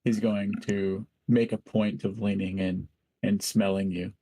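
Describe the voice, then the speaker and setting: A man narrating a tabletop game as game master in a deliberate, descriptive way. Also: on the low side, flat delivery, mellow.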